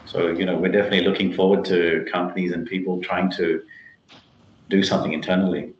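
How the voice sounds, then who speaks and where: On a muffled, roomy video call, a tech company CEO answers interview questions as a guest. His voice sits low and level, and he speaks quickly, explaining things emphatically but conversationally.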